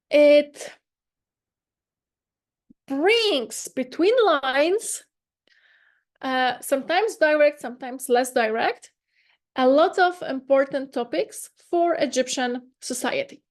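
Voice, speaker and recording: High-pitched woman giving an unhurried, hesitant conference talk. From Poland. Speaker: conference presenter. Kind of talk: academic conference presentation.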